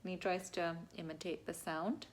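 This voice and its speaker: A woman's voice: lowish voice, moderate pace. A woman and parent giving a casual review of a picture book. She reads passages aloud with energy, acting out the sound words and dropping to a whisper. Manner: lively, acts out sound words and whispers when reading aloud.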